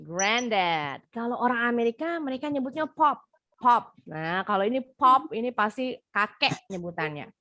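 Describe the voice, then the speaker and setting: A woman's voice: on the high side, sing-song, bright, forceful tone, dry recording, studio quality. Patient Indonesian woman teaching English. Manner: patient, explains slowly, repeats words for pronunciation. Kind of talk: online class teaching. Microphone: video call.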